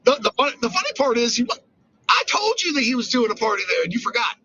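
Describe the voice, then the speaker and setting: A man chatting casually as a guest from his car, laid-back and quick to laugh. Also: very high voice, big pitch swings, dull audio, over a noisy crowd. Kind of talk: casual chat.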